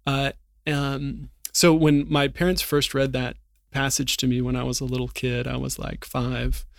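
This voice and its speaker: A man reading a storybook passage aloud in an earnest, expressive way, then reflecting on it in a Bible discussion. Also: mid-range voice, unhurried, creaky, no echo.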